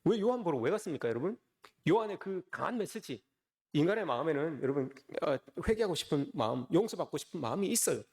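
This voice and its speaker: Fast, animated male pastor preaching. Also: a little high, gravelly. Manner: often addresses the congregation directly with rhetorical questions. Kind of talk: sermon. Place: church service.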